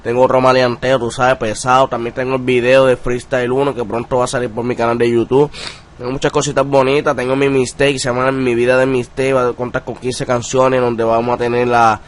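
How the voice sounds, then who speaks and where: A man's voice: mid-range voice, flat delivery, brisk. A young man from Puerto Rico with a Puerto Rican accent, a rapper answering interview questions in streetwise slang, with many filler words. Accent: Puerto Rican Spanish. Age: young adult. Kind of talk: casual interview talk.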